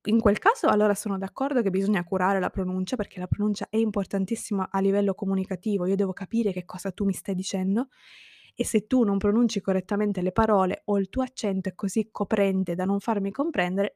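A woman's voice: medium pitch, fast, darkish tone, dry recording, clean studio sound. A woman from Sicily giving an earnest, reflective personal monologue, thinking aloud as she talks. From Sicily, Italy. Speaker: vlogger.

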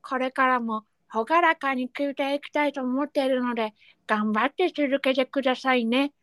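A woman voicing a bashful young man with missing back teeth, reading a fan letter slowly and carefully. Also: sits high, steady tone, fairly bright tone, no echo. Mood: earnest.

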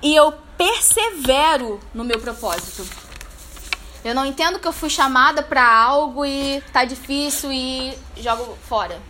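Bright, high-voiced woman pastor preaching. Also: unhurried, slight background noise. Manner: lively, playful, talks straight to the audience. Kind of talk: sermon at a church leadership meeting. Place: church meeting room with a live audience.

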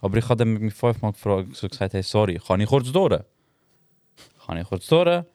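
A young Swiss German man co-hosting a podcast tells a lively story in casual conversation, laughing often. His voice is on the low side and fast, recorded at studio quality with no echo.

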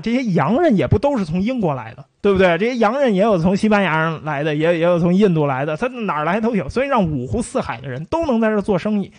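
A man with a high, bouncy voice gives a relaxed history talk and hams up odd pronunciations as he goes. The sound is close and dry, with no room around it. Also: no echo. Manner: lively storytelling with playful mock pronunciations. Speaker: history lecturer. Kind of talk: casual spoken history lecture.

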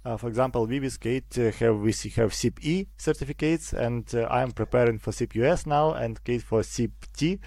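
A man of middle pitch hosting a podcast and interviewing a guest. He talks hesitantly, pausing and restarting often, in a dry, close recording. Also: dark tone, no echo. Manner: hesitant, many fillers and restarts. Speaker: podcast host.

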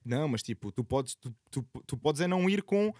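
A man's voice: mid-range voice, animated, brisk, a little mellow, dry recording, clean studio sound. A young man chats casually in a slangy, sweary, rambling way. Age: young adult. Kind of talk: casual chat.

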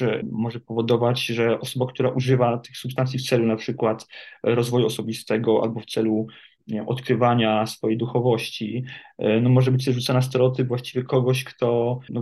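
A man in the role of an addiction therapist answers questions as a guest. He speaks in a steady, nearly monotone voice, and he thinks aloud with frequent hesitations. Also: mid-range voice. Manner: measured and reflective, many hesitation fillers. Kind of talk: interview guest.

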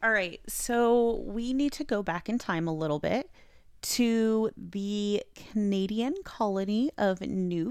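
A young woman co-hosting a casual snacking podcast, giggly and animated, telling a legend. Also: mid-range voice, clean tone. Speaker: podcast co-host. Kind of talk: casual chat and storytelling.

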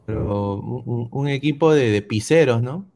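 A man's voice: medium pitch, normal speed, darkish tone. A man co-hosting a sports chat, joking and reading out viewer comments. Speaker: sports talk co-host.

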